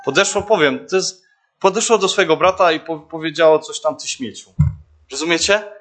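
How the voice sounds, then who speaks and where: A man's voice: on the high side, brisk, a bit bright. A young man giving an informal sermon, searching for words with many fillers and restarts, often turning to the listeners. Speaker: preacher.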